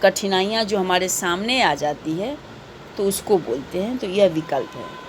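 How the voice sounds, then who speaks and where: A woman's voice: fairly low pitch, animated, a little slow, background noise. A woman teaching a recorded class to children, reading out questions and patiently repeating the answers.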